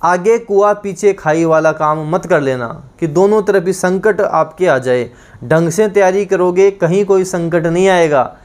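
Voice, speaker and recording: High-voiced man drilling exam vocabulary. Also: a little mellow. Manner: repetitive, drilling each term and asking questions back. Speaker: exam-prep teacher. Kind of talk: online lesson.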